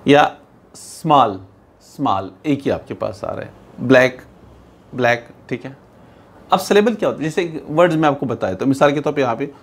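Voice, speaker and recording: Man teaching English with lively pitch. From Pakistan. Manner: reads English slowly and explains in Urdu-Hindi; addresses pupils as "beta", repeats "theek hai". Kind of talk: bilingual classroom lesson.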